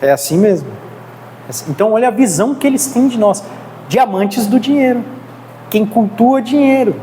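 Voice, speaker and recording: A woman's voice: fairly high pitch, expressive, normal speed, dark tone. A woman with a Brazilian accent teaching a theology class, earnest and exhorting. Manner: earnest, exhorting, keeps addressing the class as brothers. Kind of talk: church class lecture. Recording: reverberant hall with faint noise.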